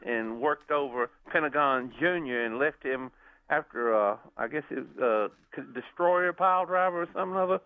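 A man calling in to a radio show over a phone line, chatting casually in a rambling, enthusiastic way with frequent restarts. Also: a little high. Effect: caller heard over a phone line. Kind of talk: casual chat.

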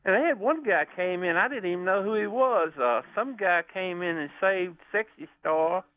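A male caller on a radio show, his fairly high voice squeezed through a narrow, tinny phone line. He talks casually and with enthusiasm, wandering and circling back on himself as he goes. The sound is close and dry, with no room around it. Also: expressive, normal speed, dry recording. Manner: rambling, enthusiastic, frequent restarts. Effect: caller heard over a phone line. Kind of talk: casual chat.

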